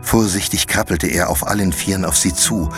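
A man narrates a fantasy audiobook in a measured, dramatic way. His voice sits low, and soft music plays faintly underneath.

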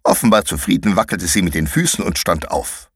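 Expressive male audiobook storyteller, lowish husky voice. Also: a little fast, no room sound, clean studio sound. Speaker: audiobook narrator. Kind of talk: children's audiobook narration.

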